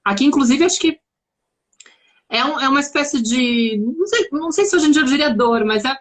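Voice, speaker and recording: Reflective São Paulo woman, slightly high voice. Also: lively intonation, brisk. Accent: São Paulo Brazilian Portuguese. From São Paulo, Brazil. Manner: reflective, searching for words with many restarts. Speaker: guest. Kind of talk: casual conversation.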